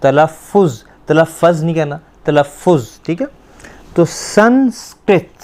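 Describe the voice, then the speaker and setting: A male Persian teacher patiently drills children, repeating words slowly to work on pronunciation, quizzing the pupils and praising their answers. His voice is on the high side and mellow.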